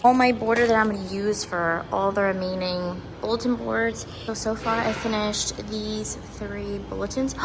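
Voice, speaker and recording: A woman's voice: medium pitch, vocal fry, rough recording. A young woman teacher chatting casually in a vlog, full of fillers and upbeat asides. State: out of breath. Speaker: first grade teacher.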